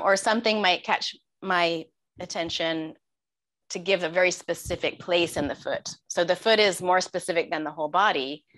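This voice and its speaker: A middle-aged woman, a meditation teacher, talking in a gentle, thoughtful and unhurried way in an interview. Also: lowish voice. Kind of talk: conversational interview.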